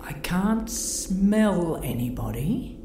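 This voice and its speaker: A man voicing a gentle dog who speaks softly and breathily. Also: high voice, sing-song, takes it slowly, reverberant, far from the mic, over music, pitched above the performer's own voice, heavily acted. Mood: hushed.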